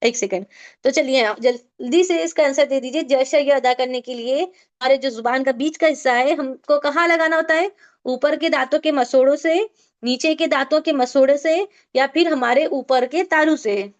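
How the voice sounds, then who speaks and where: A woman with a high voice runs an online recitation class. She works through pronunciation rules step by step and keeps asking her students for answers. Her voice comes through a video call. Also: moderate pace. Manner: explanatory, asks students questions. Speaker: tajweed teacher.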